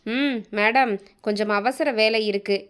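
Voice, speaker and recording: A woman voicing an angry, bitter woman office worker in a storybook reading, with sharp, resentful retorts. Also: on the high side, a little slow, clear, resonant tone, lightly acted.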